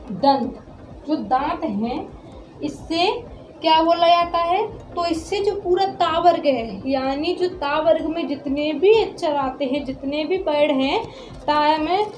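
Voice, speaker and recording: A woman's voice: high voice, a little mellow, reverberant, rough recording. A woman teaching Hindi pronunciation, sounding out syllables one by one and answering her own questions. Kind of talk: classroom lesson on pronunciation.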